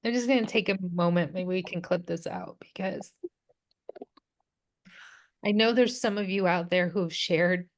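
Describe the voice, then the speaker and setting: A woman's voice: fairly low pitch, unhurried, long pauses. A woman hosting a group wellness call, speaking earnestly and encouragingly. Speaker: host and wellness coach.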